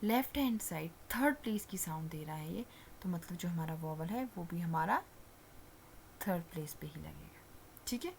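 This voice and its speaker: A woman's voice: fairly low pitch, expressive, moderate pace, creaky, darkish tone, a little hiss or hum. A woman shorthand teacher, explaining a lesson step by step, often checking that viewers follow and dropping to near-whispers while writing. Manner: patient, repeats steps with frequent check-ins; mixes English terms into Hindi explanation.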